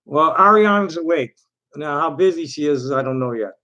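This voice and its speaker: A man hosting an online discussion in casual, rambling talk, blunt and profane, with a halting delivery. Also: fairly high pitch, lively intonation, pushed and bright, muffled recording.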